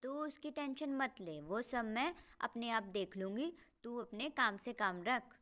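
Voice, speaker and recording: A woman voicing a lazy, sharp-tongued young female bird in a cartoon. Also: a little high, expressive, unhurried. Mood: sulky.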